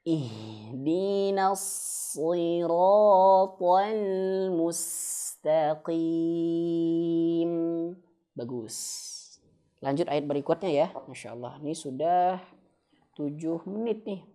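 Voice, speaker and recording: A man teaching Quran recitation in an online lesson, patiently demonstrating each sound with slow, drawn-out recitation and addressing viewers as friends and parents. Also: on the high side, warm tone.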